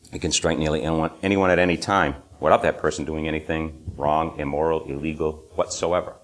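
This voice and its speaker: A man with a New England accent giving an informal, emphatic seminar talk to a small live audience, often repeating phrases and clearing his throat. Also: a bass voice. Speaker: presenter.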